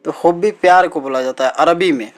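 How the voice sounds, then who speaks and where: A patient man repeating vocabulary words. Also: on the high side. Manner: repeats each word several times, slow and patient. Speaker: language teacher. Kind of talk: teaching Arabic words in Hindi.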